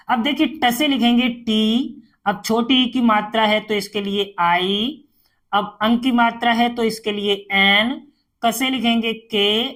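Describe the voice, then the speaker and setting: A woman's voice: medium pitch, fairly bright tone. A woman tutoring a beginner spelling lesson, reading each word, spelling it letter by letter, then repeating it. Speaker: English tutor.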